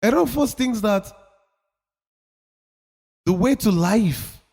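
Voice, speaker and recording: A high-voiced motivational speaker with a darkish tone and vocal fry talks at a slow pace, his lively intonation swinging widely as he pushes his points. He preaches emphatically and repeats phrases for effect, and the recording carries a long hall-like reverb.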